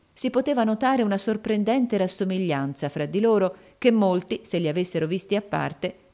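A woman reading a classic novel aloud in measured narration. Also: on the low side, darkish tone. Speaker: audiobook narrator.

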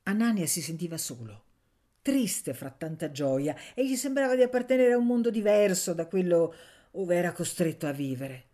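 A woman with a low, full voice reads a classic novel aloud for radio. Her delivery is measured and expressive, slowing down on key phrases. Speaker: audiobook reader. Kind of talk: literary reading for radio.

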